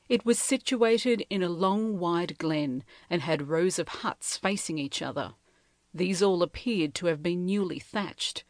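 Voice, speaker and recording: A woman reading a novel aloud in measured, steady storytelling narration. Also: fairly low pitch, no room sound, studio quality. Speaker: audiobook reader.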